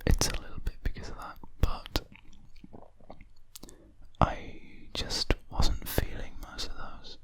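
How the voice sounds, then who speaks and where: A person whispering breathily in ASMR style, very close to the microphone with audible mouth sounds, rambling in an unhurried way. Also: fairly bright tone. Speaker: ASMR video creator. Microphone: very close to a studio USB microphone.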